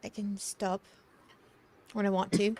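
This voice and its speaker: A woman's voice: mid-range voice, little pitch movement, measured pace, dark tone. A woman playing a tabletop game, teasing and joking with the others. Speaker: player. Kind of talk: tabletop role-play banter.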